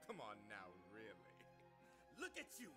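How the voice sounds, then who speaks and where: Brief: male actor as manipulative father villain, mocking and belittling, animated clip, music bed. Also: on the low side, normal speed, full character voice. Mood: scornful. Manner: mocking, condescending.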